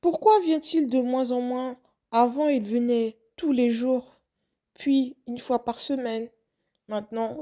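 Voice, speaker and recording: A woman's voice: on the high side, warm tone. A woman acting out a young, lovestruck waitress who panics and keeps questioning herself. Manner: breathless, flustered self-questioning. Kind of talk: first-person story acting.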